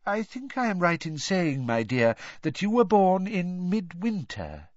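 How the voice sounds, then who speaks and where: A man's voice: high-pitched, huge pitch swings, no room sound, voice pushed up, heavily acted. A man voicing a mournful older female fortune-teller with a misty, airy voice, in an audiobook. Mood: dreamy. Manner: mournful, drawn-out and dramatic. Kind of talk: audiobook character voice. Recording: dull, dry studio recording.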